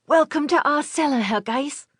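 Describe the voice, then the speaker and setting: An excitable young boy in a storybook, his voice pitched high and bright with wonder. He blurts out eager exclamations in short bursts, as a woman narrator puts him on. The sound is close and dry. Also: normal speed, dry recording. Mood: excited.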